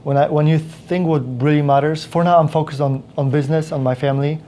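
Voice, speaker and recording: A man's voice: on the high side, little pitch movement, quick pace, dark tone, a little hiss or hum. A man, telling his life story as a podcast guest, full of restarts and fillers. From Poland. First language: Polish. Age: 30s. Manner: rambling with frequent restarts and fillers. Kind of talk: casual interview storytelling.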